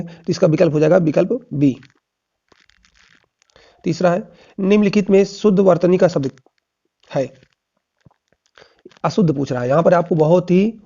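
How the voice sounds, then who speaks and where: Man, exam-prep teacher, gravelly dark voice, repeats answers as drills, dull lo-fi recording. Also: a little high. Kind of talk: casual spoken lesson.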